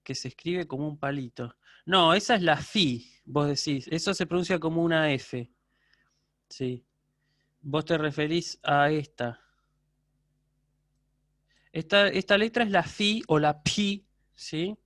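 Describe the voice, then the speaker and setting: A man's voice: fairly high pitch, measured pace, pauses often, fairly bright tone, dry recording, studio quality. A man with an Argentine Spanish accent, giving a university class online, explaining patiently and checking constantly that students follow. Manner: answers student questions live. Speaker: university lecturer.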